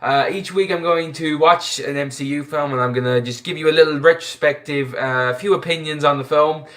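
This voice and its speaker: A young man from Ireland chats through a film retrospective for his channel. His voice sits a little high, and he stumbles and restarts often, padding his talk with fillers. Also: a little fast, fairly bright tone. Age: young adult. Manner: chatty, lots of fillers and restarts. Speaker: film vlogger.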